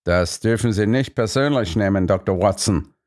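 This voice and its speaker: A man voicing a smooth, evasive male diplomat who answers in a calm, measured way. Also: lowish voice.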